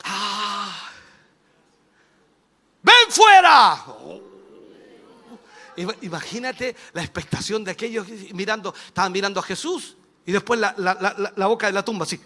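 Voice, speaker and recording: A man with a Chilean accent preaching a televised sermon as a bishop, dramatic and animated, dropping to a hush and then rising to a shout. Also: sits high, fast talker. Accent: Chilean Spanish.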